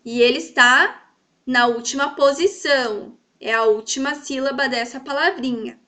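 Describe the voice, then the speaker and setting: A woman teacher with a high, bright voice, explaining to young pupils. She draws example words out slowly and keeps checking that the class follows. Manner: sweet, coaxing, checks in often. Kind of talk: children's grammar lesson.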